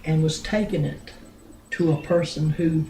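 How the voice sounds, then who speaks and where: Slow, rambling older woman storyteller. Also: low voice, mellow, slight background noise. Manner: slow and drawn out, many pauses and restarts; blunt, earthy, with mild swearing. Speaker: grandmother telling a family story. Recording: roomy home recording.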